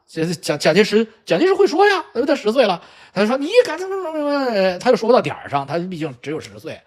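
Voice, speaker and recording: A middle-aged man telling family stories in a casual livestream chat, peppered with swearing and laughter. His voice is husky and a bit rough, and it swoops up and down with lively energy. He talks in a quick, rushing stream. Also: fairly high pitch. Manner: animated storytelling with crude swearing and laughter; acts out children's voices in quoted lines. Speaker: livestream host. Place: home in Vancouver.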